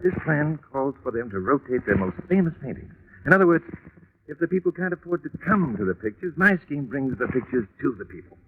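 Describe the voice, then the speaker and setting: A man's voice: mid-range voice, sing-song, a little fast, natural voice. A man playing a formal, self-important art patron. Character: proud, earnest male art patron. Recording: tinny old radio recording with faint hiss.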